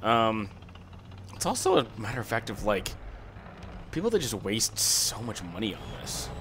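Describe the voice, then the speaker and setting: A man with a raspy voice giving casual, rambling video commentary, often hesitating and backtracking mid-sentence. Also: on the low side, big pitch swings, normal speed, noisy background. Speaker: gaming video host.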